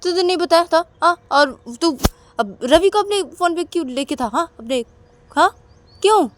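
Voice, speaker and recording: A woman voicing an indignant older sister in a home-made storybook tale, scolding with shrill questions. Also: sing-song, moderate pace, dry recording.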